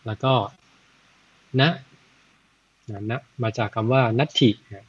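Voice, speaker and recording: Male Dharma storyteller, chatty and unhurried, husky tone, dry muffled recording. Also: mid-range voice, dry recording. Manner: chatty, frequent "na" tags, thinks aloud with math. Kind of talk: casual Buddhist storytelling.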